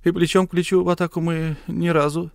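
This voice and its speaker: A man's voice: on the high side, flat delivery, a little fast, creaky, a little mellow, no room sound, clean studio sound, pitched above the performer's own voice. A man doing a cautious, polite army officer. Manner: careful, hesitant, old-fashioned politeness.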